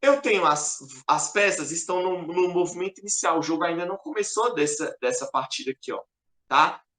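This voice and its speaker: Brief: man, chess teacher, crisp bright tone, echoey room, patient and repetitive. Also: sits high, brisk. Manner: patient, repetitive, keeps pointing things out. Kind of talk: explaining a lesson over a board.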